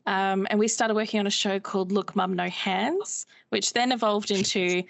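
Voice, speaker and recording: Creaky-voiced Australian woman chatting casually. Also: mid-range voice, fairly even intonation, normal speed, no echo. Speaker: interview guest, theatre maker. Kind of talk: casual interview chat.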